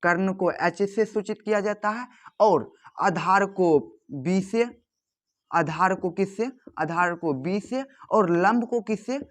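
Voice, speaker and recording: Male maths tutor with a high voice, drills students by repeating his questions and answers. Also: slow, fairly bright tone. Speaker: maths teacher. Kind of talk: board exam tutorial.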